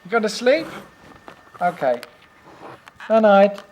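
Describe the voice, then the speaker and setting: A man's voice: sits high, sing-song, slow pace, lo-fi sound, a little hiss or hum. An older man, playfully reading picture books to a toddler at home, with teasing questions and animal noises.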